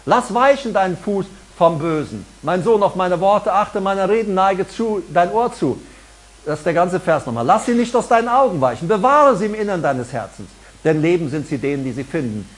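A middle-aged man preaching a sermon as pastor, emphatic and lively, rising and dropping for effect. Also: sits high, moderate pace.

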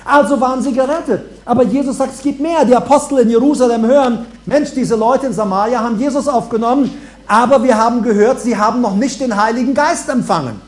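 A man preaching a sermon, swinging between loud, emphatic calls and quiet, hushed asides. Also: very high voice, fast talker, reverberant.

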